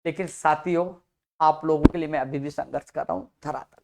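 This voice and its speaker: A man speaking as a youth activist to job seekers, fervent and full of rhetorical questions, swinging from soft lines to loud outbursts. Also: on the high side, steady tone, a little fast, creaky. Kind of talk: impassioned advocacy video.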